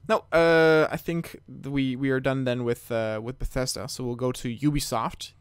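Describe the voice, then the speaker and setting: A man's voice: medium pitch, steady tone, normal speed, smooth, no room sound. A man co-hosting a gaming podcast in casual chat, rambling and repeating words as he thinks. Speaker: podcast co-host.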